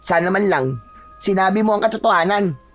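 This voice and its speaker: A man's voice: high-pitched, lively intonation, brisk, a bit bright, faint music behind, voice pushed up. A man voicing a young chieftain's son who speaks in a reproachful, wounded way, in a storybook tale. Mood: resentful.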